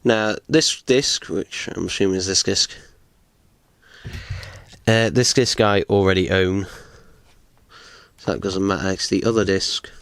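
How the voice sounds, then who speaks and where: A man's voice: deep voice, fairly even intonation, unhurried, long pauses, fairly bright tone, clean tone, no room sound. A man casually unboxing items at home, rambling with many fillers and casual swearing, sore after a fall. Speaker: unboxing vlogger. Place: small room at home. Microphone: close desk microphone.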